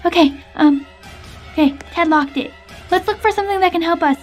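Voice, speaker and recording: A young adult woman acting out a playful improvised story while gaming, hosting with simple, expressive narration over music. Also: very high voice, a little fast. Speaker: gaming video host and player. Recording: music behind the voice.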